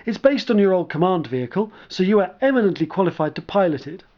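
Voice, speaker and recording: A man's voice: high voice, big pitch swings, quick pace, pitched above the performer's own voice. A man voicing a young, nervous male army lieutenant who speaks politely and hesitantly, eager to please, in a dull lo-fi recording. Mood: earnest.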